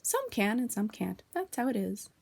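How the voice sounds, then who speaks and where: A woman voicing a gentle male bear who speaks slowly and thoughtfully, in a storybook reading. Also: medium pitch, big pitch swings, vocal fry. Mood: musing. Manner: slow and musing.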